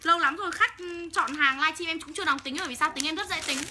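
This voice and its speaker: A woman's voice: extremely high pitch, background noise. A young woman, selling clothes on a livestream, rattling off buyers' names between profane, angry rants. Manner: rapid sales patter calling out buyers' names. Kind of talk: livestream selling, ranting at viewers.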